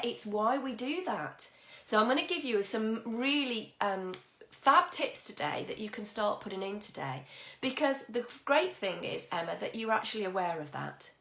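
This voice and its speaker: A woman mindset coach talking to viewers on a live stream with a husky, croaky voice, chatty and encouraging, greeting people by name. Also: medium pitch, fairly bright tone, roomy sound.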